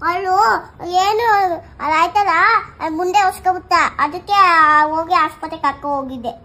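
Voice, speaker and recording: High-pitched voice rambling in a comic skit. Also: moderate pace, fairly bright tone.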